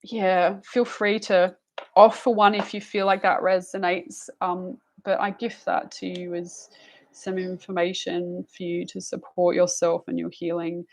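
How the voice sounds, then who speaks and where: A woman's voice: fairly low pitch, little pitch movement, a little slow, creaky. A woman giving a live psychic reading, soothing and rambling, calling the listener love and honey. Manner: rambling with frequent restarts and fillers. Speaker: psychic reader.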